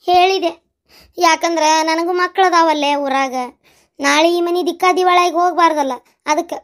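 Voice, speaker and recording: A woman's voice: extremely high pitch, fairly even intonation, normal speed, a bit bright. A woman voicing an earnest young married village woman in a cartoon, speaking with a North Karnataka Kannada accent and a rambling, pleading manner. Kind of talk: cartoon dubbing.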